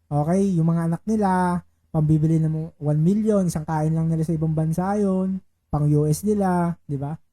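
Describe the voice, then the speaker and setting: Reading out viewer shoutouts and repeating betting calls over and over, this baccarat live-streamer keeps his talk easygoing and casual. His voice is fairly high-pitched yet warm and mellow, relaxed throughout, at a normal speed.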